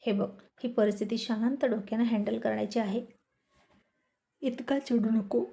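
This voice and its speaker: Woman reading as a calm, soothing peacemaker man. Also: fairly high pitch, unhurried, creaky. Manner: soothing, pleading. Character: calm peacemaking man, family elder brother type.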